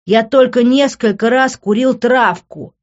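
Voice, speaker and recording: A reader voicing a hot-headed young man who shouts in rage and turns cold and bitter. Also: mid-range voice, moderate pace, lo-fi sound, pitched above the performer's own voice, lightly acted. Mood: furious.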